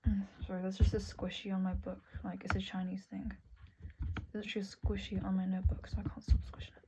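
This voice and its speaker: A young woman talking candidly to camera at her desk, soft and halting, often dropping to a whisper. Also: medium pitch, little pitch movement, highs cut off, background noise. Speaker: vlogger. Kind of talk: candid personal talk to camera. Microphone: earbud mic.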